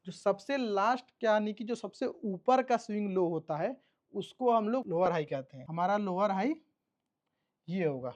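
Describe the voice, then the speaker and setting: A man with a high, somewhat mellow voice and lively intonation speaks at a normal pace. He teaches a trading course in a recorded lesson, walking through a chart step by step. In a repetitive, teacherly way he repeats terms and checks that listeners are following.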